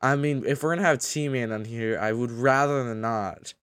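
A man's voice: mid-range voice, moderate pace, fairly bright tone, clear, resonant tone, no echo, clean studio sound. A young man co-hosting a podcast, chatting casually and joking with friends, laughing often and using playful slang. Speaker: podcast co-host. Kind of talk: casual chat.

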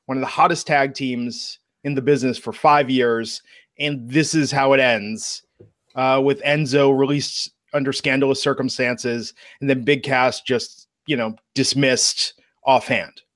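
A man's voice: medium pitch, fairly even intonation, measured pace, a bit bright, no room sound, studio quality. A man co-hosting a podcast, chatting casually and animatedly about wrestling news. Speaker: podcast co-host. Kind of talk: casual wrestling talk chat.

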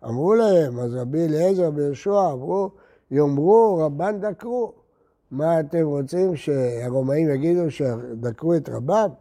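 A man's voice: on the high side, hardly any pauses, mellow. An older rabbi who teaches Talmud. He chants the Aramaic text and then explains it in plain Hebrew.

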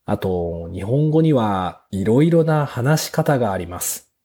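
A man hosting a beginners' Japanese lesson podcast, speaking slowly and simply with small fillers. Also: fairly low pitch, animated, mellow. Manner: slow, clear teacher's delivery with fillers. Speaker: podcast host teaching Japanese.

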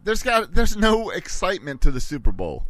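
A man's voice: sits high, huge pitch swings, normal speed, a bit bright, poor audio. A man co-hosting a sports podcast, talking in casual, argumentative banter.

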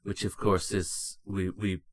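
A man with a somewhat low voice co-hosts in a casual, conversational style. His delivery is informal, moving between questioning and banter. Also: flat delivery, takes it slowly. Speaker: podcast co-host. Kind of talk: casual chat.

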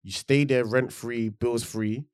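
A man's voice: medium pitch, steady tone, slow pace, clean tone, no echo, clean studio sound. A man with a London accent chatting casually in roadman street slang, making his case persuasively and repeating phrases for emphasis. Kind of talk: casual chat.

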